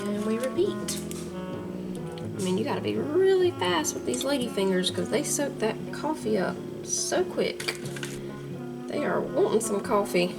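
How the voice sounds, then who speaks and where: A woman's voice: a little high, animated, a little slow, gravelly, loud music behind the voice. A woman with a Southern US accent, chatting homily through her garden and kitchen in a casual vlog, laughing easily as she goes. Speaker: home cook and gardener, channel host.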